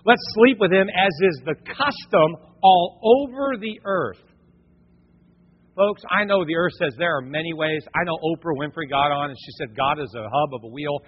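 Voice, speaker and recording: Husky high-voiced preacher in a reverberant hall. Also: male voice, moderate pace. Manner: animated, rising to near shouts when emphatic. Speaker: pastor. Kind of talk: sermon. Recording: dull lo-fi sound with long hall reverb.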